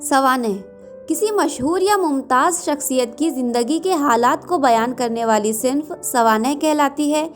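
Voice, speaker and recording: A woman's voice: high-pitched, faint music behind. A woman teaching an exam revision lesson. She names each term, then reads out its definition and examples.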